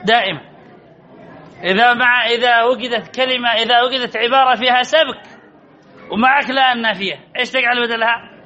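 A man's voice: very high voice, fairly even intonation, brisk, bright, forceful tone, a faint crowd. A man teaching Arabic grammar in a classroom, quizzing students and repeating key answers as drills, on a dull lo-fi recording. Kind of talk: classroom lesson with questions to students.

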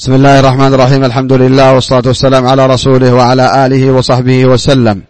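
A man's voice: medium pitch, completely flat delivery, racing, a little mellow, no echo. A man teaching a class, who asks his students questions, answers them himself and repeats words for emphasis. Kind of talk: classroom grammar lesson.

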